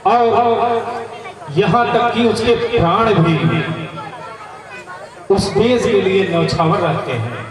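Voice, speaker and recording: A man playing a noble, dutiful king in Ramlila stage dialogue, speaking in a solemn, formal, oratorical way with deliberate pauses. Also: sits high, expressive. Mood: solemn, dignified. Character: noble, dutiful king of an epic, worried about an heir. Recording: echoey outdoor stage, distant mic, crowd noise.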